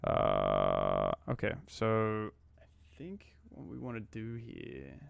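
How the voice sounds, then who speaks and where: A man's voice: fairly low pitch, huge pitch swings, takes it slowly, gravelly, no room sound. A man in his twenties from Australia, chatting casually and muttering to himself on a live stream while he codes. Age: 20s.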